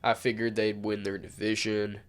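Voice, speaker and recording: A man's voice: on the low side, monotone, normal speed, clear, resonant tone. A man co-hosting a casual sports betting podcast, talking in a laid-back, blunt way while sick and losing his voice. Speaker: podcast co-host.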